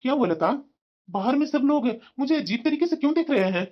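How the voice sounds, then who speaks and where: A woman's voice: sits high, expressive, quick pace, dull audio, voice pushed down. A woman voicing a puzzled older father in a family cartoon, asking what has happened. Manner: puzzled, questioning.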